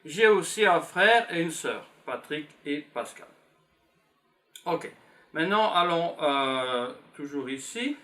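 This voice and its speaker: During a beginners' classroom lesson, this Belgian man in his fifties speaks in an expressive voice that's on the high side, bright and forceful. As a French teacher, he moves slowly, patiently repeating simple phrases while he writes them down.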